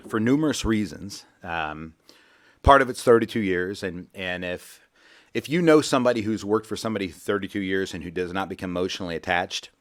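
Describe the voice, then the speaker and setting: Man, deep low voice, rambling folksy radio host, casual talk. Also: fairly quick, a bit bright. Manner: rambling, repeats words, folksy. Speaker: financial radio show host. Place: radio studio.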